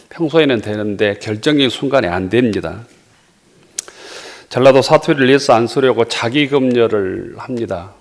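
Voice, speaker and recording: A man delivering a sermon as pastor, reading scripture verses in a measured way and pausing with small fillers. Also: mid-range voice, darkish tone. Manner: frequent hesitation fillers.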